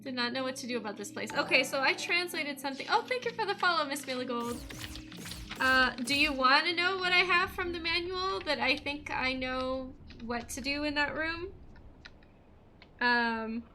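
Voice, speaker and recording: Laughing Canadian woman streamer with a high voice, over game music. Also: moderate pace, pushed and bright. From West Coast of Canada. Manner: chatty, laughs often, thinks aloud. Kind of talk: casual livestream gameplay chat.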